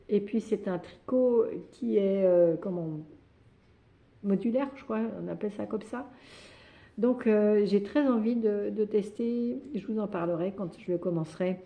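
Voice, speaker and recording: A woman's voice: medium pitch, dark tone. A woman hosting a knitting podcast, chatting casually and hesitantly, with frequent fillers and restarts. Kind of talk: casual chat.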